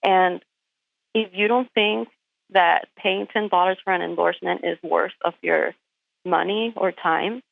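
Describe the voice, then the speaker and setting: Her voice sits lowish and steady, a little slow, with vocal fry, and the recording is dry despite the tinny phone line. A Spanish-speaking truck driver from Puerto Rico, she's a guest on a phone interview. She states her position bluntly and with emphasis, frequently asking rhetorical questions.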